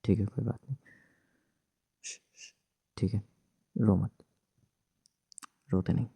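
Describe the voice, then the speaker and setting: Man playing a gruff tender young husband, whispered role-play. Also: lowish voice, fairly even intonation, slow, no room sound, full character voice. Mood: hushed, soothing. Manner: hushed, soothing, teasing.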